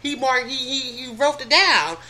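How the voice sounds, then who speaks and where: A woman co-hosting a podcast in casual chat, speaking haltingly with many ums. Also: high-pitched, expressive, sharp tone. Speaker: podcast co-host.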